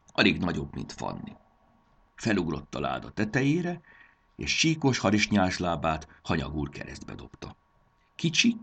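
Guy reading a kids story, deep gravelly voice, super animated.

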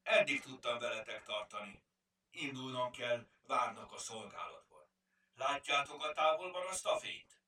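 A man's voice: mid-range voice, pushed and bright, natural voice. A man voicing a proud, bearded male border guard in a storybook, speaking in a dignified, advising way. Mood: friendly. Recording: roomy, distant mic.

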